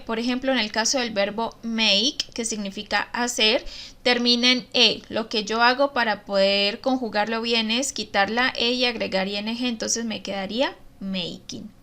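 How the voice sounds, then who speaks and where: A young woman teaching English grammar to students, explaining each rule step by step and reading her example phrases slowly and carefully. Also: fairly high pitch, steady tone, sharp tone.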